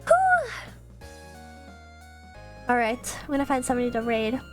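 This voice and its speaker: A woman's voice: on the high side, fairly even intonation, very fast, soft background music. A young woman streamer with a stuffed-up nose, chatting and giggling as she reads fan messages. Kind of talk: casual live-stream chat.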